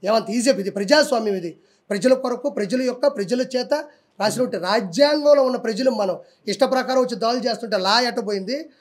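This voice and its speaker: A man's voice: very high voice, quick pace. A man, speaking combatively and defiantly in a heated political interview.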